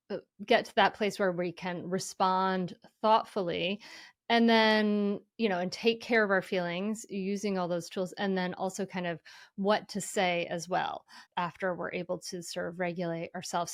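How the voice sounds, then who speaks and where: An earnest woman explains things gently and conversationally, filling pauses with easy asides. Her voice is mid-pitched and comes across close and dry, with no room sound. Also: no echo. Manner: earnest, gentle, many fillers like "you know". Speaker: mindfulness author, guest.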